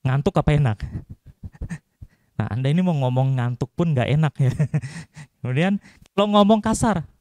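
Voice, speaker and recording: A man's voice: a little high, expressive, a little slow, pauses often, mellow, dry recording. A young man giving a casual Buddhist dhamma talk, chatty and joking, often putting questions to the audience. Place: temple hall.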